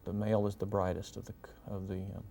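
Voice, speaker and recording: A man giving a gentle, folksy painting lesson, talking casually and step by step as he demonstrates. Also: on the low side, completely flat delivery, fast, gravelly, slight background noise. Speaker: painting instructor and show host.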